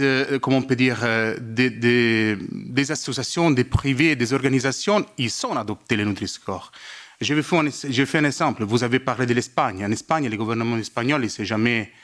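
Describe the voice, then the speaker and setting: A man from Italy with an Italian accent, speaking a non-native language haltingly as he addresses a seminar from the audience, often searching for words. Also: mid-range voice, fairly bright tone. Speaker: lobbyist asking a question from the audience. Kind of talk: spontaneous public question at a seminar.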